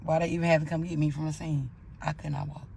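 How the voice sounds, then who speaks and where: A woman's voice: low voice, flat delivery, fast talker, creaky, mellow, a little hiss or hum. A woman telling a personal story in a blunt, profane way, acting out her own angry outbursts as she goes.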